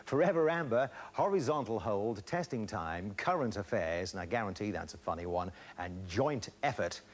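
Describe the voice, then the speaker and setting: A man's voice: fairly low pitch, expressive, moderate pace. A middle-aged man hosting a television game show with chatty, teasing banter in a studio.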